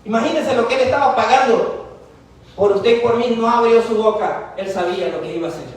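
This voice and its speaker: Male preacher, very high pitch, fervent sermon, booming echo, distant mic. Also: a little fast. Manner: fervent, calls out to the congregation. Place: church. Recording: echoey hall, mic far off.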